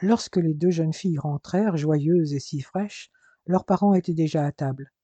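A narrator reading a story aloud in an even, unhurried way, in a dull lo-fi recording. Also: mid-range voice, no room sound. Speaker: audiobook narrator.

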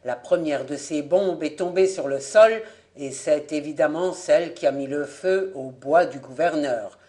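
A reader voicing an indignant French aviator, forceful. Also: male voice, a little high, measured pace, pitched below the performer's own voice, lightly acted. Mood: explaining. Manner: forceful, declaiming. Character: indignant middle-aged Frenchman aviator, proud and firm.

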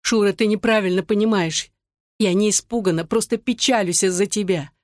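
A reader voicing a tearful pleading young wife. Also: female voice, medium pitch, a little fast, no room sound, clean studio sound, pitched above the performer's own voice, lightly acted. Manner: soft, whispered pleading. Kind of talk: audiobook dialogue.

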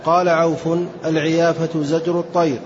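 A student reading a classical text aloud in a steady recitation. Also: male voice, a little high, brisk. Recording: dull lo-fi recording with faint hiss.

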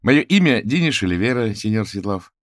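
A man's voice: fairly low pitch, sing-song, a little fast, dry recording, pitched above the performer's own voice. Friendly polite young guy student, reader voicing him, dry close.

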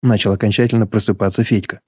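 A man reading an audiobook in scripted narration, measured and even, on a close mic. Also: lowish voice, husky, no room sound.

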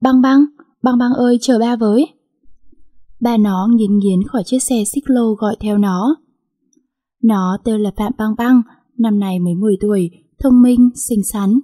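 A woman narrating a sad family story in a steady, emotive reading style. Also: mid-range voice, breathy edge.

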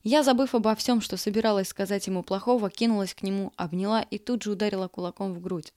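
Russian-speaking woman reading a story softly. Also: mid-range voice, steady tone, fast talker, no echo, clean studio sound. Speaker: reader.

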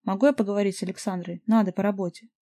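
A woman reading an audiobook, voicing a quick-tempered young man who snaps and shouts on the phone. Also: mid-range voice, steady tone, natural voice. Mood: placating. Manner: shouting, snapping.

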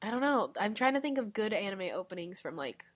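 A woman's voice: medium pitch, very animated, a little fast. A woman with a nasal voice co-hosting a casual chat, talking with lots of "like" fillers. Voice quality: nasal right now. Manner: chatty, with many "like" fillers. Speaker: podcast co-host.

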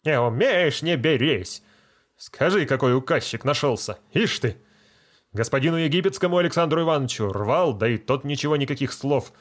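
A man's voice: mid-range voice, lively intonation, unhurried, close to an everyday voice. A man playing a pompous, self-important village medical assistant who lectures and scolds. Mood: scolding.

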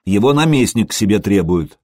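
A man voicing a hot-headed young male retainer who shouts in shrill outrage. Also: expressive, fairly quick, no room sound, clean studio sound. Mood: complaining.

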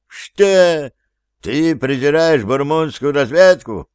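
A man's voice: lowish voice, expressive, unhurried, smooth, no room sound, studio quality. A man voicing eager spy Sapkar. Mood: eager, indignant. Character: Sapkar, eager male spy, loyal to his prince.

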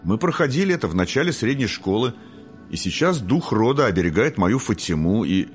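A man voicing a gentle, kind girl angel who speaks calmly and soothingly. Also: on the low side, brisk, faint music behind. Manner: calm, soothing.

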